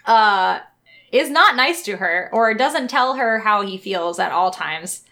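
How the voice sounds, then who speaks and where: A young woman co-hosting a casual podcast chat, animated and giggly, with lots of "like" fillers. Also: medium pitch, slow. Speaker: podcast co-host. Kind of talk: casual chat reviewing manga.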